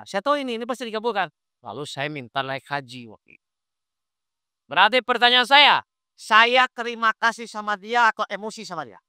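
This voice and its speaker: A man preaching a sermon in a lively, conversational way, firing quick rhetorical questions at his congregation. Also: high voice, clean tone, dry recording, studio quality. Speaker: Islamic preacher.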